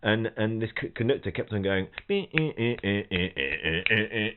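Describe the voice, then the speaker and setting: With a slight hiss or hum on a thin, phone-quality line, a middle-aged pro trombonist tells anecdotes in casual podcast conversation. His lowish voice has a sing-song lilt and moves a little fast, and he frequently restarts sentences and imitates people and rhythms.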